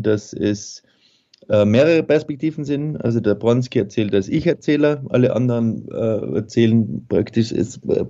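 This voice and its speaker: A man's voice: mid-range voice, dark tone, lo-fi sound. A male author, talking through his writing in a rambling, thoughtful way with many fillers. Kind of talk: conversational interview.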